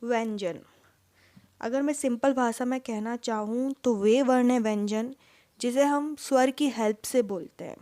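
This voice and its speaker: A mellow, somewhat high female voice guides an unhurried exam-prep lesson in a Hindi-English mix. The teacher asks questions and then responds to them herself, with no echo in the audio.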